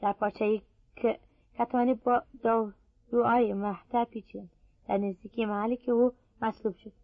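A woman reading scripture aloud in a steady, measured voice. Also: fairly high pitch, no echo, phone-quality sound. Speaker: scripture reader.

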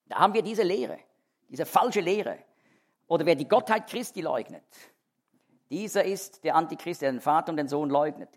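A man's voice: on the high side, expressive, moderate pace. A man teaching a sermon verse by verse, explaining emphatically and often restarting his sentences. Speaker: Bible teacher. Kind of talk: expository sermon.

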